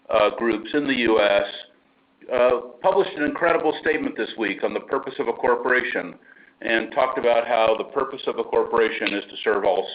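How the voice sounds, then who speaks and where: A company chief executive talks on an earnings call, upbeat and enthusiastic, using lots of fillers. His mid-range voice comes over a remote line from abroad with the highs cut off.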